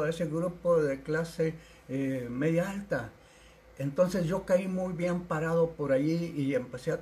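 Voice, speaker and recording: A man who tells patient stories casually on a live stream, acting out the quoted voices and filling pauses with "eh" and "este". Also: on the high side. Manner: animated storyteller, acts out quotes, many fillers. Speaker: alternative health practitioner.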